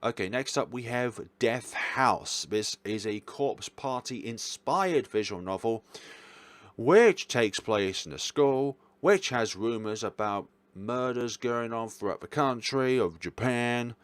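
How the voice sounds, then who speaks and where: A video host reviewing games gives casual tier-list commentary, rambling informally and correcting himself along the way. He has a medium-pitched voice, takes things slowly, and there's no room sound.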